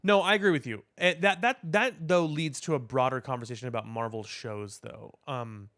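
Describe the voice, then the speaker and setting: A man with a medium-pitched, slightly bright voice co-hosts a casual podcast discussion. He gives his opinions haltingly, repeating words as he builds toward his point.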